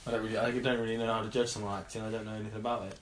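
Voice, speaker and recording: A man's voice: fairly low pitch, flat delivery, very fast, a little hiss or hum. Chatty man, laughing a lot. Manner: laughs often, rambling, reads listener emails. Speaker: podcast co-host. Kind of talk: casual chat.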